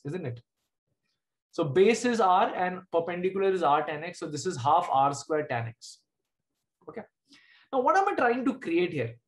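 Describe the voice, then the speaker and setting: Indian-accented man teaching maths online. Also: high voice. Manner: informal, checks understanding with short questions. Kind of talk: live online lesson. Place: indoors at a desk, screen-share video class.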